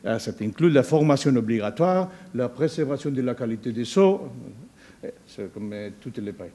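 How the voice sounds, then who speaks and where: A non-native speaker from Spain with a Spanish accent, this man gives a conference presentation as a researcher, halting and searching for words in foreign-accented speech. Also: medium pitch, expressive, dark tone. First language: not a native French speaker. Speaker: university researcher giving a presentation.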